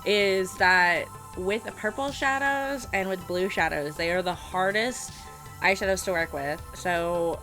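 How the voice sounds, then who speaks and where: A woman's voice: on the low side, a little slow, fairly bright tone. A woman chatting casually as a makeup vlogger, blunt, sassy and self-mocking in her reactions and tips. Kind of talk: casual reaction and tutorial chat. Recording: music playing behind the voice.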